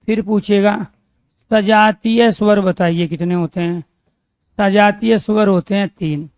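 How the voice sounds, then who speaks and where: A man's voice: high voice, steady tone, unhurried, darkish tone, no echo, clean studio sound. A man teaching a grammar lesson, asking questions and answering them himself, repeating key terms so they stick.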